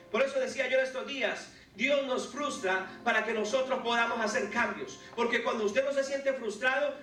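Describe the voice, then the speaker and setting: Exhorting his congregation toward faith, this pastor delivers an impassioned sermon in a very high-pitched, sharp-toned voice. It was captured in a large church hall with heavy echo, a far-off microphone, and music playing behind him.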